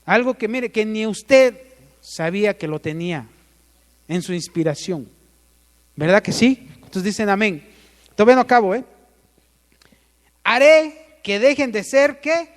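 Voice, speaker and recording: A man's voice: high-pitched, darkish tone, in a large hall. A man with a Mexican accent preaching a sermon, asking the congregation questions and calling for amens.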